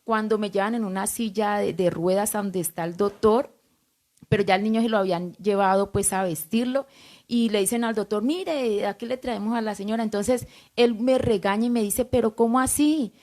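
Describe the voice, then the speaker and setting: Woman, pastor, church testimony, mellow voice, lively storytelling. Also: mid-range voice, normal speed. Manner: lively storytelling, acts out dialogue.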